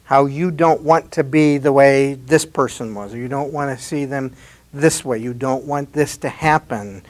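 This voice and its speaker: A man's voice: medium pitch, normal speed. A man giving a slide presentation at an adult education talk, speaking in a conversational, encouraging way and often tagging on rhetorical questions.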